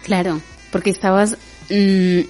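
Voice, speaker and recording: A Latin American woman interviewing a guest, asking measured, empathetic questions. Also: medium pitch, level tone, darkish tone, faint music behind. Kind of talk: conversational interview.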